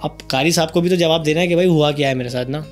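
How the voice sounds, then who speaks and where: A man from Karachi, hosting a podcast and telling a childhood story in a lively, animated way. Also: a little high, rapid-fire, soft background music. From Karachi, Pakistan. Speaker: podcast host. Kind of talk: casual storytelling chat.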